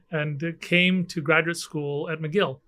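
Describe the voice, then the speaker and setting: In an office with a humming AC, a middle-aged scientist from Canada talks informally as an interview guest. His slightly high voice stays steady and unhurried but sounds pushed and bright, and his speech is hesitant, full of fillers and restarts.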